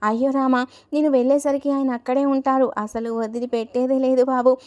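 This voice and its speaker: A woman voicing a caring married sister-in-law who gently gives advice, in a spoken story. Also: sits high, flat delivery, brisk, dull audio, natural voice.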